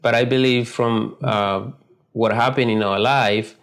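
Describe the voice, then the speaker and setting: A man's voice: medium pitch, fairly even intonation, a little slow. A man hosting a podcast interview, speaking in a formal, courteous way. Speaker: podcast host.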